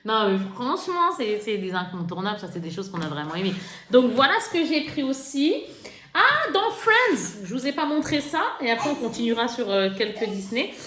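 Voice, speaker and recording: A woman's voice: a little high, brisk. A woman vlogger showing off her makeup haul in a casual, chatty way, laughing often and poking fun at herself. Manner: chatty, laughing, lively, self-mocking. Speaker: beauty vlogger. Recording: echoey room with faint noise.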